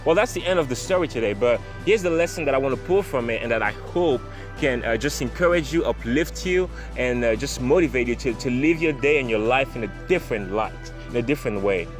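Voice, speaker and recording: A man from the Congo speaks to camera in a mid-pitched voice, delivering an emphatic motivational monologue. He presses his points through repetition and direct address. Music plays clearly underneath throughout. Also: animated, a little fast. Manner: earnest, emphatic, repeats phrases for effect. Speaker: motivational vlogger.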